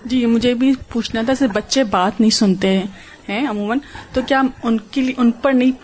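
A woman student asking a question in a hesitant, halting way. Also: fairly high pitch, a little mellow, a little hiss or hum.

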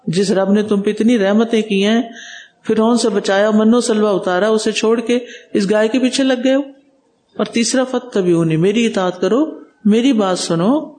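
A man's voice: sits high, a little mellow. A male preacher giving a Quran commentary, reciting Arabic verses and explaining them with emphasis.

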